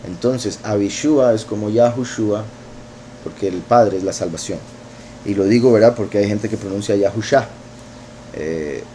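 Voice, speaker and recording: A man, teaching scripture verse by verse in an unhurried way, thinking aloud with fillers and asides. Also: fairly low pitch, mellow, slight background noise. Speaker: bible teacher.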